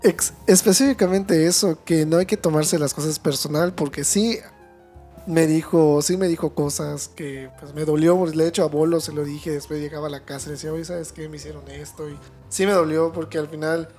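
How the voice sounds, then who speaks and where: A man with a Mexican accent, chatting as a podcast guest and telling his story in an animated way. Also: fairly high pitch, fairly quick, soft background music. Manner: animated storyteller, acting out quoted shouting. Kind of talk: casual chat.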